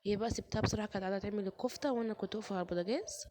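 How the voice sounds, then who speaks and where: A hoarse woman with an Egyptian accent, chatting to her viewers while cooking in a home kitchen. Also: mid-range voice, rapid-fire, warm tone, a little hiss or hum. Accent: Egyptian Arabic. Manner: chatty, addresses viewers directly. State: hoarse, sore chest, fasting. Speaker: cooking vlogger. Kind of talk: casual chat narrating cooking.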